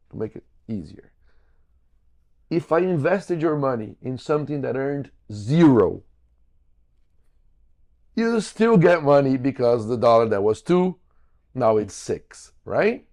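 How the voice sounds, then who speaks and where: A Brazilian man, a native Portuguese speaker who owns a financial business, appears as a podcast guest. His mid-range voice is a little mellow as he explains things step by step.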